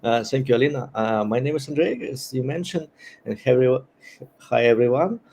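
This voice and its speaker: A man from Ukraine, a guest law student, introducing himself on a webinar over a video call in a hesitant, halting way. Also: medium pitch, a little mellow, slight background noise. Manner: hesitant, halting, with many fillers.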